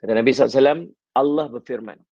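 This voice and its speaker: A man with a Malaysian Malay accent, a religious teacher who tells stories in a sermon. He moves between lively passages and soft, drawn-out pauses. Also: mid-range voice, no echo, highs cut off. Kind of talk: Malay-language sermon storytelling.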